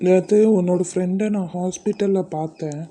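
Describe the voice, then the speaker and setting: A woman voicing a gentle, caring young man in an amateur cartoon, speaking calmly and with reserve. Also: on the low side, fairly quick, dry recording, lightly acted. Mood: reserved.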